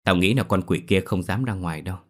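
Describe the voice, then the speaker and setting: Guy reading out a jumpy young dude in a ghost story, deep voice, mutters then yells. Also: quick pace, close to an everyday voice. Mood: weary. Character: young man at a temple, jumpy and curious.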